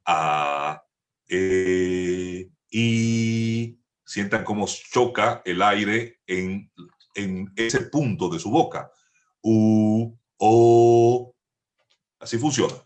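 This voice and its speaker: Slow, low-voiced male speech teacher. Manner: measured, instructive, drawn-out vowel demonstrations. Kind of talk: slow, deliberate voice lesson.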